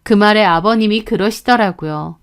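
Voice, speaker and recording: With a clean, medium-pitched voice and a moderate pace, a woman in her thirties recounts her experiences as a daughter-in-law. She complains indignantly and acts out the dialogue as she goes.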